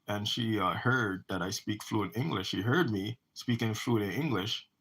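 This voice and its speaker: A man's voice: on the low side, unhurried, fairly bright tone, slightly rough. A man who talks about his own life in a rambling monologue, often restarting and repeating words. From United States. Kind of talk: personal monologue.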